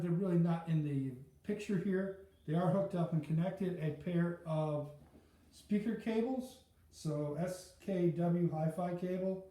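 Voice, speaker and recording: This audiophile vlogger, a middle-aged or older man, talks casually and unscripted about gear for his hobby, rambling and hesitant while thinking aloud. His voice is fairly high-pitched but dark in tone. Everything sounds muffled and bounces around a very echoey room.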